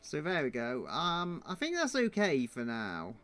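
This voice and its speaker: A man's voice: on the high side, huge pitch swings, a little slow, a bit bright. A man streaming his drawing, thinking aloud in a muttering, self-deprecating way.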